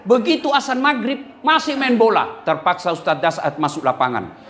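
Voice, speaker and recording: A middle-aged man preaching a humorous sermon, swinging between loud joking and low, solemn tones. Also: big pitch swings, normal speed.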